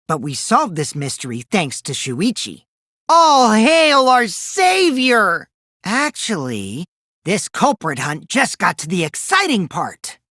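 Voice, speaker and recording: In an anime game dub, a male actor plays a mischievous teenage boy, a gleeful liar who teases and taunts theatrically, swinging from singsong mockery to sly menace in a gleeful, mocking mood. His exaggerated voice is very high-pitched, pushed and bright. The recording is dry and studio quality.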